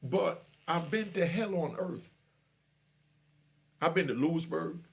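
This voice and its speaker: Taking it slowly, a former prisoner in his fifties preaches warnings to young listeners in a direct-to-camera monologue about prison. His voice is creaky and on the high side.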